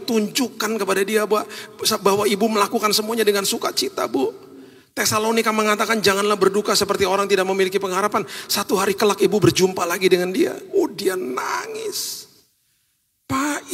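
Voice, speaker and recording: A man's voice: high-pitched, creaky, fairly bright tone, husky. A man preaching a sermon as a pastor, telling stories and acting out the people in them. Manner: storytelling, acts out quoted voices, mixes in English phrases. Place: large church hall. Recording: church hall reverb.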